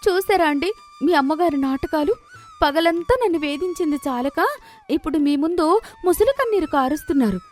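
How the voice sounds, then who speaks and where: A woman playing a shrill indignant young wife. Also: lively intonation, normal speed, darkish tone, soft background music. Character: young wife, proud and sharp-tongued.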